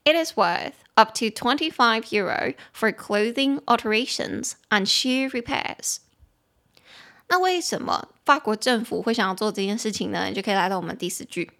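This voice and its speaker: A young adult woman hosting a podcast, explaining English in Mandarin and reading English sentences slowly and clearly. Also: on the high side, expressive, fairly bright tone. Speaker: podcast host and English teacher. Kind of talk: casual teaching podcast.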